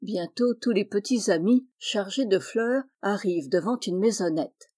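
A woman reading a children's story aloud, gentle and lilting, lifting her voice for the animal characters. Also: medium pitch, measured pace. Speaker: audiobook reader.

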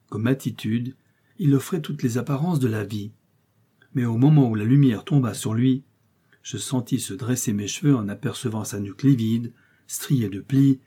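Husky male audiobook narrator. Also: mid-range voice, warm tone. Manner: measured, suspenseful reading.

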